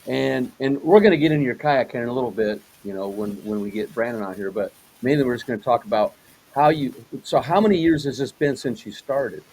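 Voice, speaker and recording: A man's voice: medium pitch, fairly quick, darkish tone, slight background noise, low-quality recording. A man hosting a casual interview, rambling a little, often repeating words and restarting his questions. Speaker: host.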